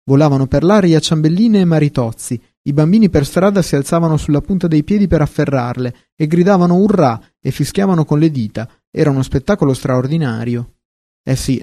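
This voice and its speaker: A man narrating a fairy tale in a measured, expressive way, recorded close to the mic. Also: fairly high pitch, dry recording. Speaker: audiobook narrator.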